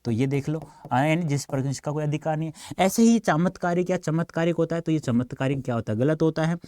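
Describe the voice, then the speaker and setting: A man's voice: fairly high pitch, a little fast, mellow, no room sound. A male teacher giving an online exam-prep lesson, explaining step by step and calling his students dear children. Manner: explains step by step, asks and answers his own questions.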